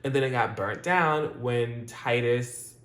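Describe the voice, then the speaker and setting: A man's voice: medium pitch, takes it slowly, fairly bright tone. A man hosting his own channel, giving a casual, rambling review of a TV episode with lots of fillers, restarts and laughs. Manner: chatty and loose, with frequent fillers, restarts and laughs. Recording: roomy echo.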